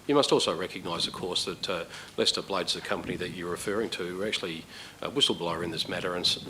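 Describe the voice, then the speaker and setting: A man chairing a council meeting as mayor, answering questions in a measured, hesitant way with many fillers. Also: deep voice, pushed and bright, slight background noise.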